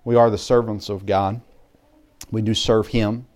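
A man preaching a sermon as a pastor, earnest, with restarts, swinging between loud emphasis and quiet asides. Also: fairly low pitch, little pitch movement, a little slow.

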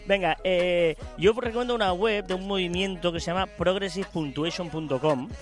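A man's voice: high-pitched, moderate pace. Co-host, male, talky explainer, light music bed. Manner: explanatory, frequent "¿vale?" check-ins. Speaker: podcast co-host. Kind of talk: casual podcast chat.

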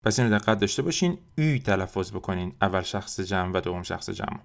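A man teaching a language lesson. He explains quickly, then slowly repeats drill phrases for listeners to copy. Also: low-pitched, expressive, creaky. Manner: slow, drawn-out repetition of drill phrases. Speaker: French teacher.

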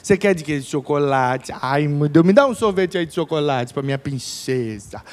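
A man voicing a doting father who coos and spoils his little daughter, in a lower, softer tone. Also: animated, moderate pace, natural voice. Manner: cooing, indulgent. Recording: echoey hall reverb.

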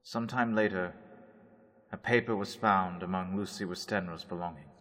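A man narrating a classic radio drama, reading journal entries in a measured, low voice. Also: fairly even intonation, a bit bright. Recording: long reverb, faint music.

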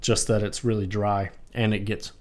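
A man's voice: on the low side, little pitch movement, moderate pace, darkish tone. A man hosting a podcast in casual chat, rambling and joking, with a loose tongue that slips into swearing. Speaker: podcast host.

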